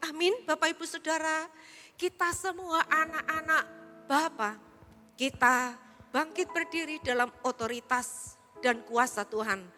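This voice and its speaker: Woman pastor, high and bright, emphatic sermon delivery, echoey church hall. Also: a little slow, long pauses. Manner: emphatic preaching, shifting between hushed and loud.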